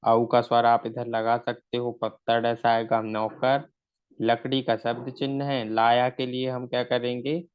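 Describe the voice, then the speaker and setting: A man's voice: mid-range voice, level tone, a little slow, smooth, muffled recording. A male shorthand teacher in a recorded lesson. He explains step by step, asks his own questions and answers them, and mixes English words into his speech.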